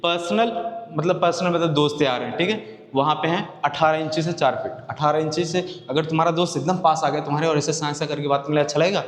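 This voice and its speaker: A male teacher giving a classroom lecture, asking his students questions and answering them himself, with key terms repeated slowly. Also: a little high. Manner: conversational, asks and answers his own questions. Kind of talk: exam-oriented classroom lecture. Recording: echoey room with long reverb.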